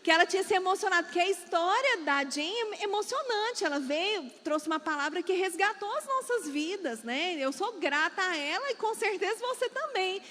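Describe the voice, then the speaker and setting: High-voiced Brazilian woman preaching in a church. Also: normal speed, hardly any pauses. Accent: Brazilian Portuguese. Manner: lively storytelling, acting out quoted voices. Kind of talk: church talk telling a personal story. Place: church hall. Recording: long church hall reverb.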